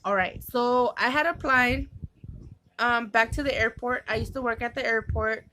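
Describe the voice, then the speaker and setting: Chatty tired woman with a higher voice. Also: normal speed, pushed and bright, a little hiss or hum, poor audio. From California. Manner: rambling, chatty, with many fillers and restarts. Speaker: vlogger. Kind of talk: casual vlog chat.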